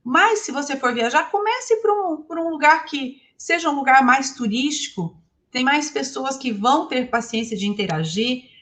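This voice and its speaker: High-voiced Brazilian woman teaching English. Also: normal speed. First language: Portuguese. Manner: animated, asks the audience questions. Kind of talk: lively talk to an audience.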